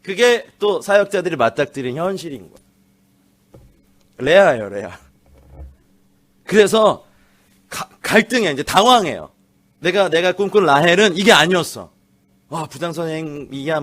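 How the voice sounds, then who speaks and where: A man preaching a lively, humorous sermon as a guest pastor in a church, acting out people's lines as he tells stories. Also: a little high. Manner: animated, laughing storyteller, acts out teen voices. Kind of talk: lively sermon with acted quotes. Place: church sanctuary.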